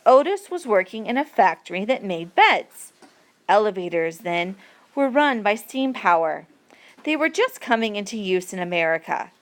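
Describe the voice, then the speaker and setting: A woman reads an educational passage aloud like a teacher, using deliberate, measured phrasing for learners. Her voice is medium in pitch.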